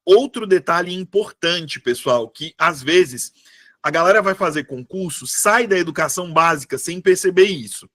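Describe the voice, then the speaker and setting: A young Brazilian man with a high, light voice teaches Portuguese in a live online prep class. He talks in a lively, chatty way and keeps checking in with his students by name. The sound is dry and close, with no room around it. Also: no room sound. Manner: lively, addresses students by name and as "meus amores".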